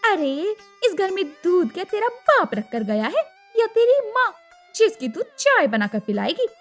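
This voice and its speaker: A woman's voice: very high voice, big pitch swings, measured pace, soft background music, voice pushed up, full character voice. A woman voicing a cruel middle-aged mother-in-law in a cartoon story, shrieking insults and taunts. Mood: shrieking abuse.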